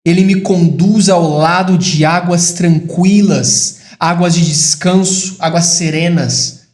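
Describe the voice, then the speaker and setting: Pregador brasileiro de voz aguda, em sala com eco. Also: male voice, fairly even intonation, takes it slowly, echoey room. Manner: rises to emphatic high declarations, drops to quiet reflective asides. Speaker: preacher. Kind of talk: sermon.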